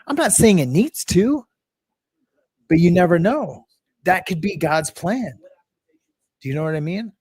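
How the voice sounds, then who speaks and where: A man's voice: high-pitched, animated, unhurried, long pauses, a little mellow, slightly rough, no room sound. A man hosting a casual livestream, rambling and restarting, greeting viewers from the chat. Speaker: livestream host.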